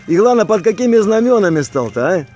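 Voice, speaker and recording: High-pitched man with a Ukrainian accent, teasing. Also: sing-song, fast talker. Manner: repetitive, drawling exclamations with frequent tag questions. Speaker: man filming and commenting on a backyard gathering. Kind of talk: casual teasing home-video commentary. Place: outdoors in a grassy backyard. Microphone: handheld phone camera, behind it.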